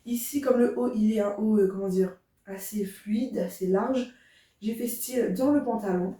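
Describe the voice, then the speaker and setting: In a get-ready-with-me video, a young beauty vlogger chats casually and enthusiastically to her viewers in a soft-spoken, mid-range voice at normal speed. She's in an indoor room, far from a camera standing at a distance, and the room is very echoey.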